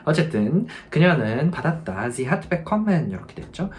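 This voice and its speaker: Slight background noise accompanies a patient male language teacher whose somewhat high voice swings widely in pitch. In his online grammar lesson he explains patiently and slowly drills verb forms through repetition.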